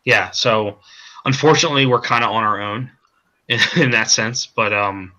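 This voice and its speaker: A man being interviewed as a comic creator, talking in a halting way with many repeated words and restarts. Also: lowish voice, bright, forceful tone, lo-fi sound. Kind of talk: casual stream interview.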